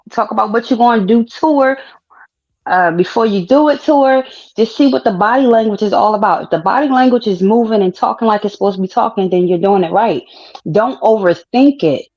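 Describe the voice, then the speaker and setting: A woman's voice: fairly high pitch, a little fast, darkish tone. Frank woman giving advice, dull lo-fi audio. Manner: frank, advising, conversational. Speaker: host. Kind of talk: casual advice chat.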